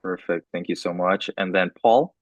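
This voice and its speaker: A young man moderating an online panel over a video call, relaxed and full of fillers and restarts. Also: low-pitched, normal speed, no echo, lo-fi sound.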